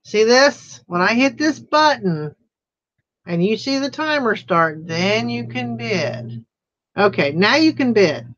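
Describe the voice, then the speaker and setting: With a fairly high, animated voice and a fairly bright tone, a woman hosts a casual auction on a live stream. She keeps up the chatter and laughs often while her delivery stays slow and drawn out, heard through dull, lo-fi stream audio.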